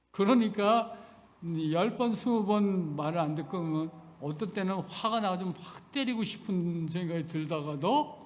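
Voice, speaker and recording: A middle-aged male pastor preaching a sermon in a folksy, storytelling way, acting out family conversations. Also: high voice. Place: church sanctuary. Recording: long church hall reverb.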